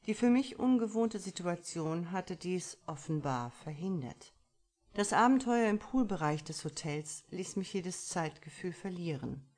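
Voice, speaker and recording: A woman reads a first-person story aloud with a deep, low voice. Her telling is measured and expressive, the steady delivery of a practiced audiobook narrator. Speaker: audiobook reader.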